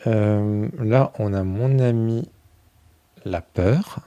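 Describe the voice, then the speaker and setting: A man chatting casually through a review of a tarot deck, filling pauses with "euh" and thinking aloud as he goes. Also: fairly low pitch, dark tone, smooth, no room sound, highs cut off. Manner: chatty, many fillers, thinks aloud while flipping cards.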